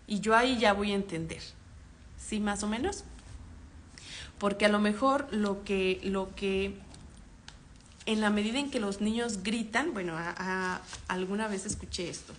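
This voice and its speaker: Mexican woman psychologist explaining to parents. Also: mid-range voice. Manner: explanatory, acts out example dialogues. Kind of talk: online parenting workshop talk.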